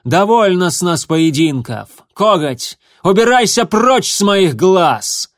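A man's voice: medium pitch, unhurried, dry recording, studio quality, lightly acted. A man voicing a stern she-cat clan leader. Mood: commanding. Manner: commanding, sharp.

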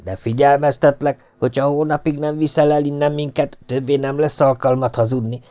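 A man's voice: a little high, steady tone, mellow, pitched above the performer's own voice, natural voice. A man voicing a hot-tempered Maori sailor who speaks bluntly and threatens. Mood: threatening.

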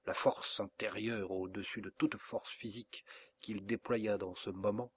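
A man with a French accent reading a classic novel aloud as an audiobook narrator, steady and measured. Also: fairly low pitch, slightly rough.

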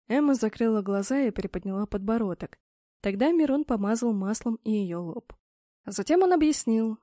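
A woman narrating a novel in a measured, steady manner. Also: on the high side, dry recording, clean studio sound. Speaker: audiobook narrator. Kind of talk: scripted narration.

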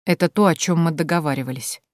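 Audiobook: woman playing a grim, hoarse, powerful man, low. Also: quick pace, dry recording, clean studio sound, close to an everyday voice. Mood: stern.

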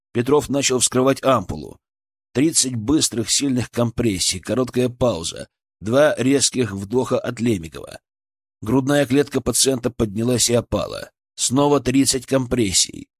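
A man's voice: mid-range voice, slightly rough, no room sound, studio quality. A man reading a fantasy audiobook aloud in tense first-person narration. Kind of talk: scripted narration.

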